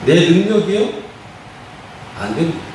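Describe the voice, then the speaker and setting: A male pastor delivers a sermon in a high, animated voice that rises and falls widely. He keeps asking the congregation rhetorical questions and acts out the prayers he quotes. The sound comes from a distance in a very echoey hall with faint room noise behind it. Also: unhurried.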